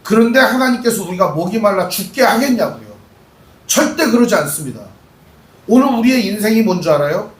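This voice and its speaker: A male pastor preaching a lively sermon, asking the congregation questions and acting out voices. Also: sits high. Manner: animated preaching, acts out quoted voices, asks the congregation questions. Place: church sanctuary. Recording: echoey church hall, mic at a distance.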